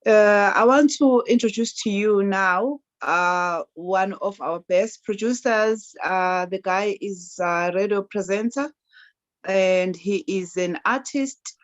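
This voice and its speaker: A woman's voice: mid-range voice, slow pace. A woman presenting a television show as its host. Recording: dull, band-limited sound.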